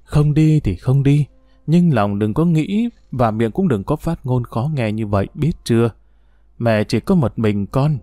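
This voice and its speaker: A man voicing a worried middle-aged mother in a read-aloud story, pleading softly and slowly with her child. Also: medium pitch, animated, dry recording, close to an everyday voice.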